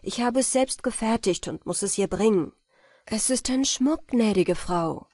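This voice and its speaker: A woman's voice: fairly high pitch, unhurried, darkish tone, dry recording, studio quality. A woman voicing a modest, noble-minded young man who speaks formally and politely. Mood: eager. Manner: formal, polite, old-fashioned speech.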